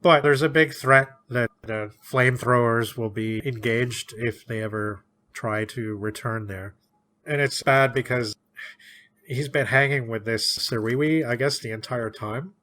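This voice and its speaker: A man's voice: mid-range voice, bright, forceful tone. A man co-hosting a podcast, chatting casually about a book, laughing often. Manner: chatty, laughs often, puts on quick voices for characters. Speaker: podcast co-host.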